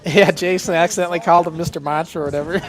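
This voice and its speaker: A man's voice: a little high, steady tone, rapid-fire, soft background music. A man in his fifties co-hosting a casual chat, reminiscing in a rambling, chatty way with frequent restarts. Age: 50s. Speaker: co-host and former wrestler.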